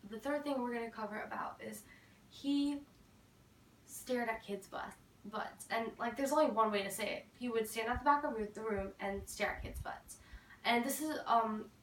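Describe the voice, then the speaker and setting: A woman's voice: fairly high pitch, normal speed, roomy sound, distant mic, a little hiss or hum, poor audio. A teenage girl chatting casually in a storytime vlog, full of fillers and quoted asides. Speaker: vlogger.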